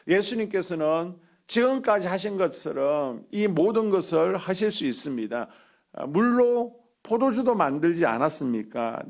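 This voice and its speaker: A man preaching a sermon as a pastor, earnest, with many drawn-out "ah" fillers between phrases. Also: on the high side.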